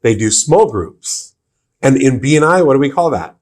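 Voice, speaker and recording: A man hosting a relaxed podcast, his pitch mid-range for a man. He backs up his guest with quick agreement, then expands on her ideas in an easy conversational flow. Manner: affirming, frequent agreeing interjections. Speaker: podcast host.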